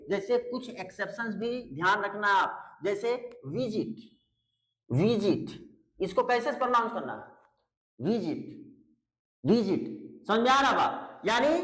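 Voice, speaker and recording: A man's voice: very high-pitched, a bit bright. A male English teacher giving a classroom lesson, repeating key words and calling his students brother and friend. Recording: echoey room.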